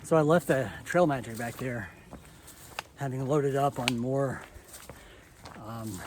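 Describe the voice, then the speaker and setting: A man filming himself with a selfie stick while he walks a hiking trail, out of breath and thinking aloud in halting bursts. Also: medium pitch, background noise. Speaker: hiker vlogger. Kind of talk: reflective vlog while walking. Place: outdoor forest trail. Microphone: camera on a selfie stick, held at arm's length and farther.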